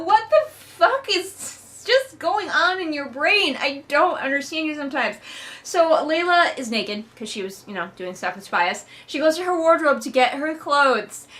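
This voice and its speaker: A woman speaks in a high-pitched, sharp voice while giving offhand comic commentary as a read-along host. The tone is sarcastic, exasperated and emphatic, and her speech is conversational and laced with swearing.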